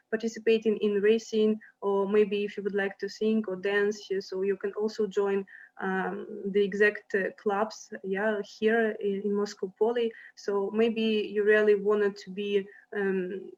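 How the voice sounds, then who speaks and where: A woman's voice: medium pitch, darkish tone. A young woman from Ukraine presenting a university to applicants, friendly and hesitant with many fillers. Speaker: university representative. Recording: dull lo-fi sound.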